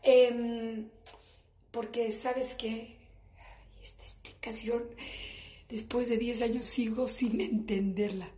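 A woman's voice: a little high, little pitch movement, takes it slowly, pauses often, warm tone. A woman doing a brash, profane comedic monologue for a live stream, recorded in an echoey bathroom at home. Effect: echoey bathroom acoustics.

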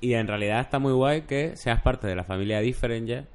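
A man, hosting a casual podcast chat and telling stories in a relaxed way. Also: mid-range voice, a little fast, clean tone. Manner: relaxed storytelling, laid-back. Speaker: podcast host.

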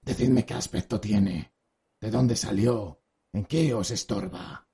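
An actor playing a calm, patient monster hunter who speaks formally, in an audiobook drama. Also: male voice, on the low side, slow, creaky, husky, exaggerated voice. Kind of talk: audiobook radio drama acting.

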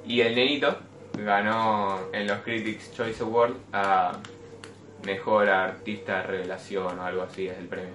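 A man's voice: lowish voice, a little slow. A young man with a Rioplatense Spanish accent hosting a casual film podcast, blunt and swearing freely. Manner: blunt, swears freely, lively when excited. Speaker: podcast host. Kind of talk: casual film chat with friends. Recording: echoey room with faint noise.

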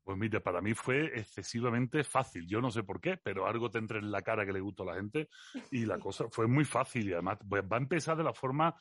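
A man in his forties with an Andalusian Spanish accent, a guest telling stories in a radio interview in a relaxed, colloquial way. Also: on the low side, fairly quick, no room sound, clean studio sound. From Andalusia, Spain. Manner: relaxed, expansive, colloquial with swearing. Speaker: guest, philosophy communicator.

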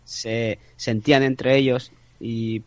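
A man's voice: medium pitch, level tone, slow pace, dry recording, muffled recording. A man co-hosting a podcast in casual chat, spinning theories with many hesitant fillers. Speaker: podcast co-host.

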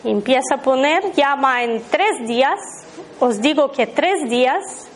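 A woman with a high voice leads a workshop in front of a small audience. She talks casually, tells little stories and keeps checking that the listeners follow her. A faint background noise sits under her voice. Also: animated, unhurried. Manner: chatty, tells anecdotes, keeps asking the listeners "¿vale?". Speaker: abundance workshop leader. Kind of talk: informal talk to a live group.

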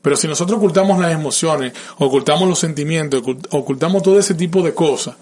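A man's voice: a little high, fast talker, a little mellow. A man, a parent, talking in a casual conversation and earnestly giving advice straight to listeners about feelings and family. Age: adult parent. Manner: emotional and open about feelings.

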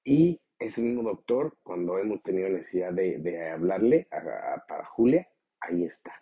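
A man's voice: animated, moderate pace, husky, phone-quality sound. A man with a Mexican accent hosting a motivational podcast, talking bluntly with lots of swearing and pushy challenges to the listener. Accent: Mexican Spanish. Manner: blunt, profane, swings into high mocking voices. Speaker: podcast host.

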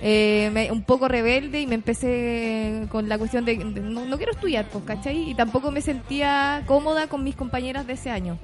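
A woman's voice: fairly high pitch, normal speed, hardly any pauses, faint music behind. A woman with a Chilean accent co-hosting a radio show, chatting in a laid-back, slangy way and rambling with restarts. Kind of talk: casual radio chat.

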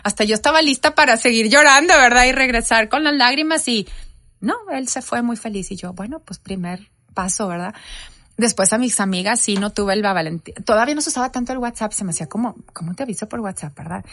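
A woman's voice: on the high side, fast, dry recording, studio quality. A woman, telling an interviewer the story of her own family. She tells it with energy and acts out the conversations she quotes. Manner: animated storytelling, acting out quoted dialogue.

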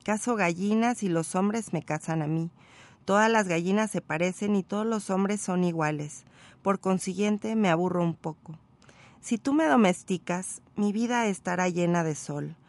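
Patient male fox, woman reading him, calm, slow explaining, gravelly low edge, storybook. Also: lightly acted. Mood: wistful.

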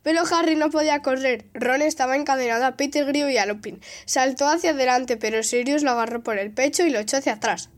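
A woman reading a novel aloud in a steady, careful way, taking turns with a partner. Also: high-pitched, fast talker, few pauses. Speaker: reader.

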